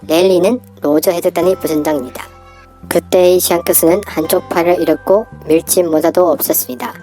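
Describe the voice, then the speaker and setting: A narrator whose voice is disguised by a downward pitch shift, reading a scripted story-style character breakdown with steady delivery and falling sentence ends.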